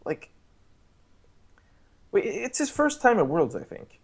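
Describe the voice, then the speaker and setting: A man co-hosting a casual esports podcast, speaking in a relaxed, hesitant way with many fillers. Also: sits high, slow pace, breathy edge. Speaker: podcast co-host.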